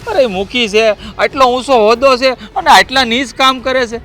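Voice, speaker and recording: An indignant man defends his insulted sister in a family drama. His high, tense voice runs aggrieved and heated. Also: normal speed, sharp tone, soft background music. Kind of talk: village family stage drama.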